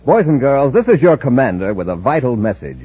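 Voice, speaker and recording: A man's voice: mid-range voice, very animated, brisk, dark tone, husky. An American man playing a brave, authoritative space patrol commander who gives clipped orders in a 1950s radio serial. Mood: earnest appeal. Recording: muffled, noisy 1950s radio recording.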